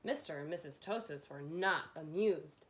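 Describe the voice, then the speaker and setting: A woman reading a picture book aloud to young children in an expressive, dramatic way, like a kindergarten teacher with playful asides. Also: sits low, moderate pace, noisy background.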